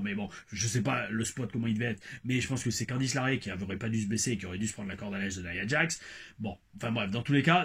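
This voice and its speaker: Husky, animated French-speaking man. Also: mid-range voice. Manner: animated, digressive, emphatic asides. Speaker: wrestling reviewer and former wrestler. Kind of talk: casual vlog review.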